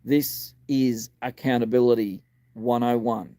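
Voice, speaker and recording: This live-stream host is an Australian in his 50s and a community advocate, missing a front tooth and answering viewer questions on political topics in short, sweary, emphatic bursts. He has a warm, mid-range voice that is a little slow, with fairly even intonation and no echo.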